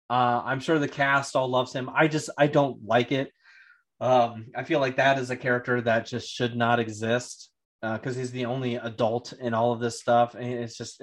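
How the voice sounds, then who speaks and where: Man, casual vlog talk, thinking aloud, hesitant, lots of ums and restarts, mid-pitched voice. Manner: rambling, hesitant, many fillers and restarts. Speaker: YouTuber reviewing a TV series. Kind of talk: casual spoken vlog commentary.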